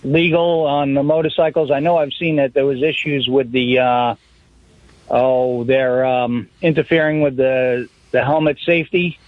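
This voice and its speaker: A man's voice: mid-range voice, steady tone, normal speed, no room sound. A man calling in to a radio show over the phone, chatting casually and hesitating with many uhs and ums. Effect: heard over a phone line. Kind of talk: casual call-in chat. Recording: tinny dry phone line.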